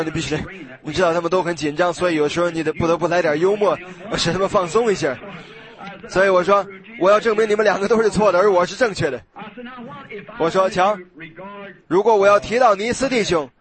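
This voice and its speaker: Man, sermon, high-pitched voice, conversational preaching, acted-out dialogue, restarts. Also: fairly bright tone.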